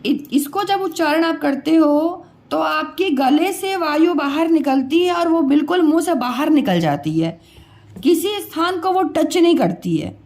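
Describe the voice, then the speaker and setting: Patient woman teacher with a high voice who drills sounds one by one at an unhurried pace. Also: expressive, darkish tone. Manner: patient, repeats each sound and quizzes the listener. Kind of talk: classroom lesson on pronunciation.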